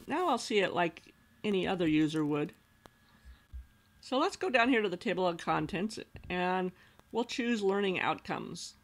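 This screen-capture tutorial is voiced by a woman whose lowish voice is gravelly with vocal fry. She explains how to use the software one step at a time, in the plain, patient manner of an instructional designer.

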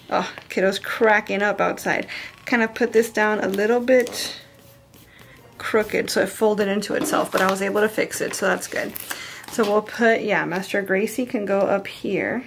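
A woman's voice: on the high side, a bit bright, a little hiss or hum. A woman casually narrating as she decorates a planner, chatty and easygoing, thinking aloud as she works. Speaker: planner vlogger.

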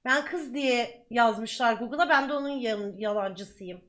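Bright, excitable young woman streamer. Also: fairly high pitch, a little slow. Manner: excitable, exclamatory, chatty. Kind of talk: live-stream reaction commentary.

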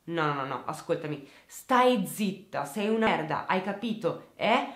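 A woman voicing an aggressive young man who yells insults and threats down the phone. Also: mid-range voice, very animated, normal speed, roomy sound, natural voice. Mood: enraged.

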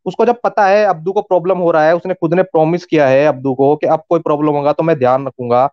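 A man's voice: fairly high pitch, steady tone, no room sound, lo-fi sound. A man arguing pushily and interrupting in a heated panel debate. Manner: rapid, pushy, interrupting.

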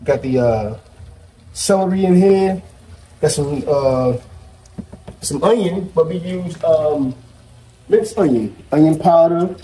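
A man's voice: a little high, slow, long pauses, dark tone, slight background noise, rough recording. A man in his forties giving a casual cooking demonstration in a home kitchen, chatty and explaining each step, on a lapel mic. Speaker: guest cook.

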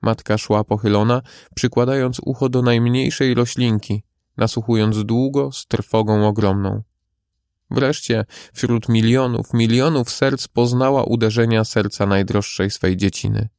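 A man reading a fairy tale aloud for children in a calm, even storytelling manner. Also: mid-range voice, unhurried, clean tone, no echo, studio quality. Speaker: audiobook narrator.

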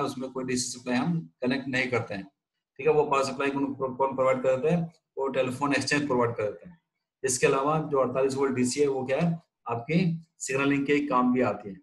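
A man's voice: mid-range voice, low-quality recording. Man lecturing, quizzing his class. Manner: asks questions and answers them himself, repeating key terms; checks in with frequent "theek hai?". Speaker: telecom instructor.

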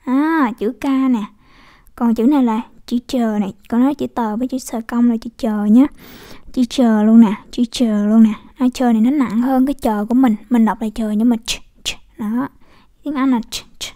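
High-voiced woman teaching English pronunciation. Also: steady tone, warm tone. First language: Vietnamese. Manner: repeats model words slowly, checks with "đúng không?". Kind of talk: casual classroom explanation.

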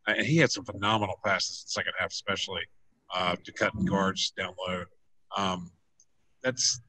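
A man's voice: fairly low pitch, pushed and bright, poor audio. A man, a reporter, asking the coach questions at a press conference with hesitant fillers.

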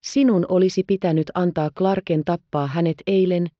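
A woman's voice: on the low side, steady tone, dry recording, close to an everyday voice. A woman reading the part of a hot-tempered young frontiersman who fires off angry, scolding questions. The audio is slightly dull. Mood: raging.

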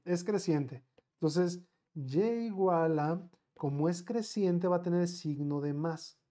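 A middle-aged man with a Mexican accent teaches a live online math class, chatty, firing quick questions at students and counting out steps slowly. His voice has a fairly high pitch and a dark tone.

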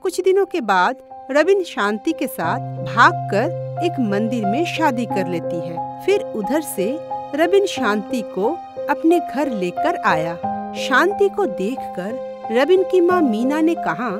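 Woman reading a cartoon story slow and sing-songy, music in the background. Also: high voice, big pitch swings. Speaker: narrator. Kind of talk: scripted storybook narration. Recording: music bed under narration.

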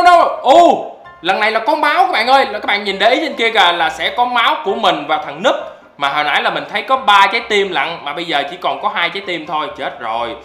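A man doing excitable gameplay commentary as a YouTuber, often breaking into loud exclamations. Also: sits high, roomy sound. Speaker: gaming YouTuber.

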